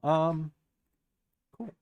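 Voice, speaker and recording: A man hosting a casual livestream from his home studio, talking loosely with lots of fillers while a saxophone warms up. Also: a little high, extremely slow, vocal fry, lo-fi sound. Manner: loose and rambling, many fillers. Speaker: livestream host and musician. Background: saxophone warming up.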